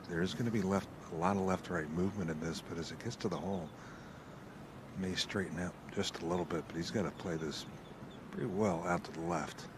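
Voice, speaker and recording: A man doing live golf commentary, explaining and analysing as he goes. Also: sits low. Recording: clear outdoor background noise.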